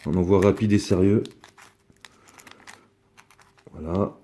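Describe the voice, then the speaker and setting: Low-voiced man chatting through an unboxing. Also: steady tone, a little fast, warm tone. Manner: rambling, chatty, many fillers. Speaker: card collector opening a box. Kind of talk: casual unboxing commentary.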